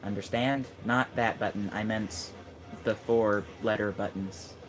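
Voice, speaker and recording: A man's voice: lowish voice, fairly even intonation, measured pace. A man chatting casually over a video game, teasing and giving tips to the friend playing beside him. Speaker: gamer coaching a friend. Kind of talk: casual let's-play chat. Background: game music.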